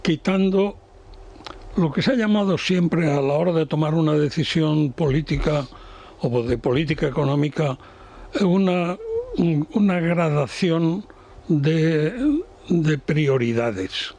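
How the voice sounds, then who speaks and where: An older man with a Spanish accent, an economics commentator on a radio panel, talking in a slow, halting, professorial way with many restarts. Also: on the high side, a little mellow, slight background noise.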